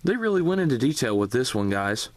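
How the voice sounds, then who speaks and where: A man's voice: mid-range voice, very animated, fast talker, no echo. A man giving a casual, chatty unboxing review of a collectible figure, talking straight to his viewers. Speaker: toy reviewer.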